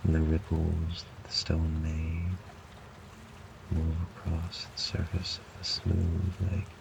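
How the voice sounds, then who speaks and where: A man narrating a guided relaxation meditation in a calm, soothing, measured way, with long pauses. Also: extremely low pitch, vocal fry, background noise.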